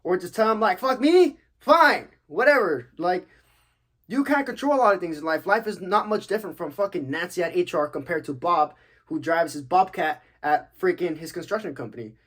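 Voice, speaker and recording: A young man from Texas in the United States hosts a casual Q&A podcast, answering listener questions while on active military duty. His higher voice is animated and fairly bright, moving at a moderate pace. He's laid-back, slangy, and profane, joking his way through the chat.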